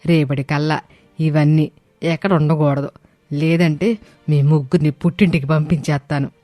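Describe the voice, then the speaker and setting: A woman voicing a bossy, wealthy mother-in-law in an animated story, talking in a sharp, scolding way. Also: low-pitched, normal speed, no room sound, soft background music, natural voice.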